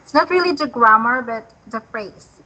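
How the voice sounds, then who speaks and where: A woman's voice: fairly high pitch, lively intonation, moderate pace, pushed and bright, low-quality recording. A woman tutoring English pronunciation, patient and encouraging, laughing often. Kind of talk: online one-on-one pronunciation lesson.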